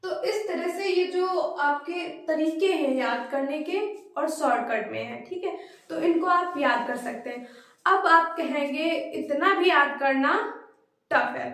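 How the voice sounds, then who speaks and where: A woman's voice: high voice, a bit bright. A woman teaching a grammar lesson for exam preparation, repeating and drilling each word pair patiently. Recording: very echoey room, voice from a distance.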